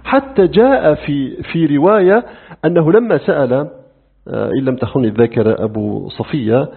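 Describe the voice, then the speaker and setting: A middle-aged man teaching a lecture on religious creed, animated, asking rhetorical questions and answering them himself. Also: a little high, normal speed, husky. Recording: tinny phone-like lo-fi recording.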